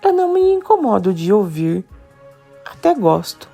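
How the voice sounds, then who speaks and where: A woman voicing a stern, formal male judge who speaks slowly and measuredly. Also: medium pitch, very animated, gravelly, mellow, breathy edge, soft background music, pitched above the performer's own voice, full character voice.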